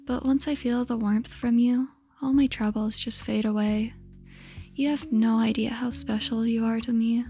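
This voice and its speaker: Female actor as loving, wistful girlfriend; ASMR role-play, intimate and gentle, higher-pitched, light music underneath. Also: little pitch movement, moderate pace, lightly acted. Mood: fond. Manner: soft, tender, intimate, giggly. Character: affectionate, lonely young girlfriend on a late-night call.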